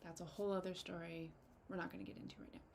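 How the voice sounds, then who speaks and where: Young woman, low-ish voice, casual vlog chat, emotional and thankful, faint background hum. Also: little pitch movement, gravelly, darkish tone. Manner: heartfelt, grateful, gets emotional, halting with many ums. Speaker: fantasy photographer and content creator. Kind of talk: casual personal update to viewers.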